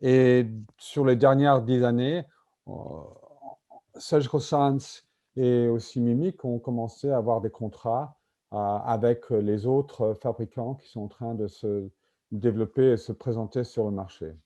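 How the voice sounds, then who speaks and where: Hesitant British-accented man, mellow voice. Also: mid-range voice, steady tone, unhurried. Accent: British accent in French. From Britain. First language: English. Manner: hesitant, searching for words in French. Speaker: invited conference speaker, medical simulation executive. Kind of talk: conference presentation.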